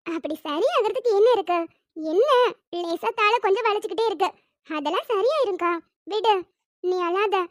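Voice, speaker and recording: A performer voicing a cheerful, curious teenage younger sister who is bright, chatty and playfully insistent. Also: very high voice, animated, normal speed, long pauses, no echo, clean studio sound.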